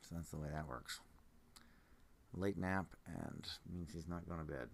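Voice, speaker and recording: A man with a low voice talks casually on a livestream sale, sounding groggy from just waking. He muses in an unhurried way and lets sentences drift off. Faint noise and small clicks sit behind him. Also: vocal fry. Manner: unhurried, musing, trailing off mid-thought. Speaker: live auction seller showing amber specimens.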